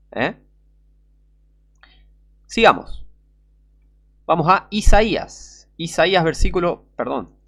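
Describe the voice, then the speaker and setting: A man with a Rioplatense Spanish accent preaching a sermon, urgent and pleading, sometimes breaking into shouts. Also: mid-range voice.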